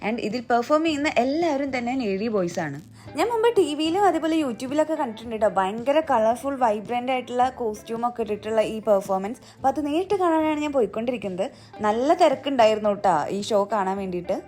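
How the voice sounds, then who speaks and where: A woman's voice: on the high side, expressive, quick pace, dark tone. A woman narrating a travel vlog in a chatty way, mixing English words into Malayalam. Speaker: travel vlogger. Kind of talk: scripted vlog voice-over narration.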